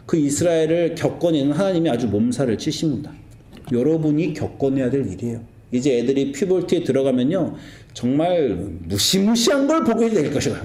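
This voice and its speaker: A middle-aged male pastor preaching a sermon in a lively way, acting out scripture and family quarrels in raised voices. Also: a little high, reverberant.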